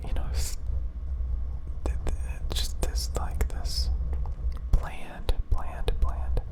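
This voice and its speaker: A person speaking entirely in a breathy, unvoiced whisper, rambling in a halting, repetitive way in the style of ASMR. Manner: rambling, halting, repeats words and phrases. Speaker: ASMR video creator.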